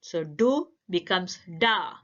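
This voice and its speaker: A woman giving a language lesson, explaining grammar step by step with careful, deliberate phrasing. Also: fairly low pitch, animated, fairly bright tone, lo-fi sound. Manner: careful, deliberate word-by-word delivery. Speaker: language teacher. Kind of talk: slow instructional explanation.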